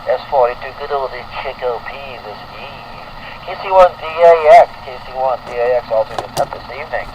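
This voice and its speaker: Over noisy, dull, distant ham radio audio, a middle-aged or older net control operator works through a roll call from an indoor radio room with its window open. His mid-range voice is animated, at a moderate pace with hardly any pauses. He's chatty, folksy and rambling.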